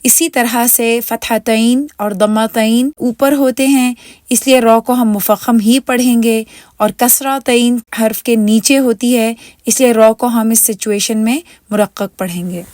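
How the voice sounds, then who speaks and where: A woman's voice: on the high side, steady tone, a little mellow. A woman with a Pakistani Urdu accent teaching recitation rules over slides, patient and explanatory, slipping English words into her sentences. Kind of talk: recorded online lesson over slides.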